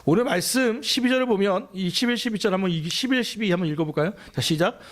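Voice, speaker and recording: A man's voice: sits high, fast. A man preaching a sermon as pastor of a church, talking conversationally and asking his listeners many questions.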